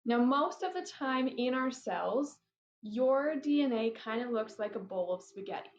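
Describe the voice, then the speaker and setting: Chatty woman lecturer, fairly high voice, walking through slides; dull, echoey recording. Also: unhurried. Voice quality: flat, robotic-sounding delivery. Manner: casual, chatty, apologetic asides. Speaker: teacher. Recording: roomy, dull lo-fi mic.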